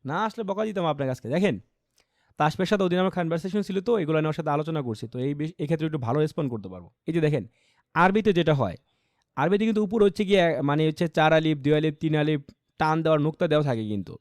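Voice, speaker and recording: A man's voice: fairly high pitch, expressive, quick pace, no echo, studio quality. A man with a Bangladeshi accent giving an online English pronunciation class, explaining in two languages, repeating himself and asking students questions. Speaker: English teacher.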